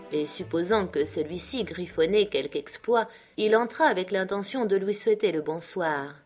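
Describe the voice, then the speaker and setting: A woman reading a classic novel aloud in a measured storytelling manner. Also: lowish voice. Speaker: audiobook narrator. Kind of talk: literary audiobook narration.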